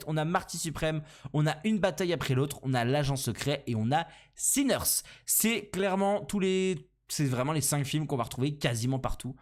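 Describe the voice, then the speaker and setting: Rambling young French man podcasting. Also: fairly high pitch. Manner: rambling and self-deprecating, many fillers and restarts. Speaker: podcast host. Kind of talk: casual solo podcast commentary.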